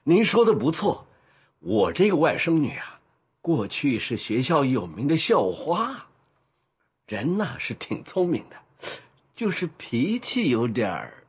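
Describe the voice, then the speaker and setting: A nervous, fawning middle-aged toady in a radio play, with a very raspy, breathy voice. It rides up and down in lively swings, and he speaks slowly. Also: medium pitch, full character voice. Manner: fawning, nervous laughter, stammering. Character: obsequious middle-aged uncle, eager to please. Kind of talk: radio drama acting.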